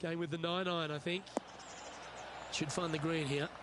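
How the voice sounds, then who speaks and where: A man plays an upbeat yet composed lead golf announcer in a video game broadcast, sounding measured and engaged. His voice leans high with fairly even intonation, moves at normal speed and stays close to everyday speech, with outdoor ambience audible behind him.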